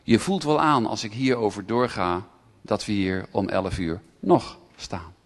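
A man preaching a sermon to a gathered audience, speaking directly to them and swelling to near shouts when he reads scripture. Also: medium pitch. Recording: reverberant hall recording.

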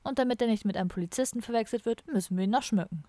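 A woman's voice: on the high side, very fast, warm tone, no echo, natural voice. A woman voicing a bossy male police officer who barks orders in an officious way. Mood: barking. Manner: barking, officious. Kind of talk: audiobook character voice.

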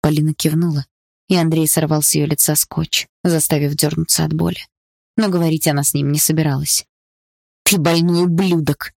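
Gravelly male audiobook narrator. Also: fairly high pitch, level tone, a little fast, darkish tone, no room sound, studio quality.

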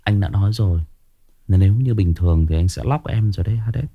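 A man's voice: fairly low pitch, fairly quick, lo-fi sound. A man, hosting a ghost story channel and chatting casually with his viewers on a livestream. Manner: chatty, addresses viewers as younger brothers, gets agitated and shouting.

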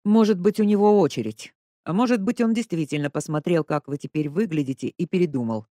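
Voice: medium pitch, brisk, mellow, no echo, lightly acted. Curt, ironic male investigator, voiced by a narrator; short clipped lines, dry audio. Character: stern male police investigator.

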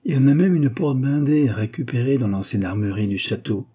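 A man's voice: medium pitch, brisk, dark tone, slightly rough, pitched above the performer's own voice, lightly acted. A man voicing a proud, easily offended young handyman.

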